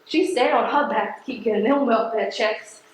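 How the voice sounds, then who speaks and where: Performing in a stage play, a woman portrays a working-class mail carrier from the projects who is defiant and embittered, her words colloquial, emphatic and combative, full of hurt and bitterness. She speaks at normal speed in a voice on the high side, close to her everyday voice, captured in a very echoey stage recording.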